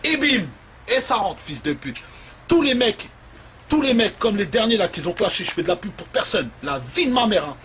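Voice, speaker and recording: A man with a high voice hammers out crude, repetitive threats in an angry rant to the camera. He talks as one of the shop's owners. Clear background noise runs through the amateur recording. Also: big pitch swings, moderate pace, fairly bright tone. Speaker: shop owner.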